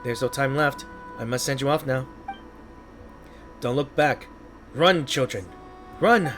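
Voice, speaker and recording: A man's voice: mid-range voice, measured pace, over music, close to an everyday voice. A man voicing a solemn, resolute ancient woman guardian from a game in a grave, theatrical way. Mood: urgent.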